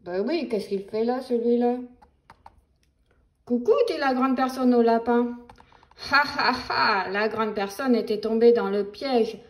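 A woman's voice: fairly high pitch, measured pace. Playful woman reading a storybook aloud. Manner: playful, animated storytelling with sound effects. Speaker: children's book reader. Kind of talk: expressive read-aloud for children.

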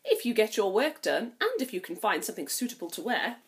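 A woman's voice: mid-range voice, big pitch swings, brisk. A woman reading a storybook aloud, voicing a bossy stepmother who barks out orders. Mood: sly. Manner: commanding, barking out chores. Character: bossy cold stepmother, middle-aged woman.

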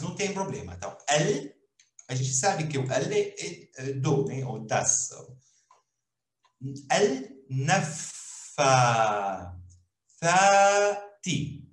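A man teaching Arabic in a recorded online lesson, explaining slowly and haltingly with many restarts. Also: mid-range voice, reverberant. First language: Portuguese.

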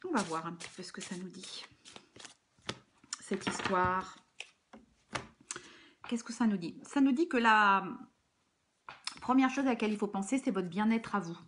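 A woman's voice: medium pitch, normal speed, pauses often, noisy background. A woman giving a casual, chatty tarot card reading as host, with frequent fillers and restarts.

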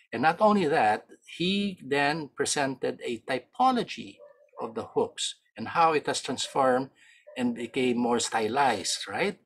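A Filipino man with a Filipino accent giving an archaeology lecture over slides on a video call, halting often, correcting himself and checking in with "right?". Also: mid-range voice, fairly bright tone. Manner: halting, many self-corrections and tag "right?".

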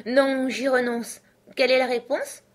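Storybook Alice, a polite, curious little girl, voiced by a woman; high and earnest. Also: expressive, normal speed.

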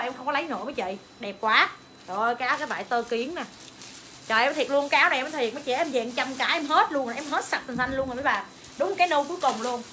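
Fast, bright-voiced woman selling clothes. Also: high voice, a little hiss or hum. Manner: rapid, excited hawking, calls to viewers and staff. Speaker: online clothing seller. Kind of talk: livestream sales pitch.

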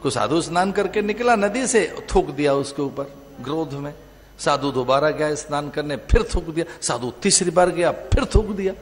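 A man's voice: fairly high pitch, lively intonation, moderate pace. A man with a north Indian Hindi accent giving a religious discourse, stressing his points with long repeated lists that rise and fall. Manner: emphatic, repetitive lists, rising and falling delivery. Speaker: spiritual teacher giving a discourse. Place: large venue. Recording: reverberant hall with faint music.

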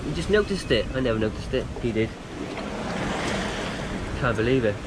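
A man's voice: medium pitch, very animated, moderate pace. A man in his thirties talking casually to a handheld camera on a small sailboat at sea, plain and matter-of-fact. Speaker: sailing vlogger. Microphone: action camera at arm's length. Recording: loud wind and sea noise. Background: wind and waves.

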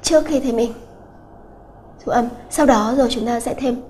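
High-voiced woman teaching grammar. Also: mellow, a little hiss or hum. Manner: slow, repetitive explaining with many filler "à" sounds. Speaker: English teacher. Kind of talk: exam-prep grammar lesson.

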